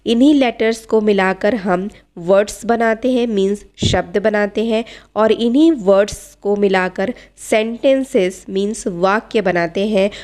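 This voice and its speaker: A woman teaching a beginner English lesson, explaining slowly and spelling words out letter by letter. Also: medium pitch, darkish tone.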